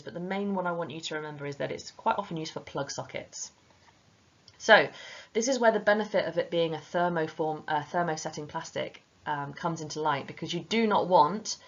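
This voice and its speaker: Female teacher, low and gravelly, informal revision lesson, slightly dull recording. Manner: chatty, informal, addresses students directly.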